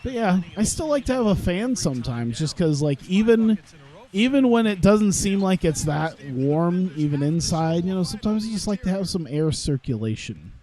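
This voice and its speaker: Sitting at his home computer, this man rambles his way through casual commentary on the video game he's playing, full of filler words. He's a gaming YouTuber whose high-pitched, sing-song voice carries warmth at a moderate pace, though his sinuses leave him congested.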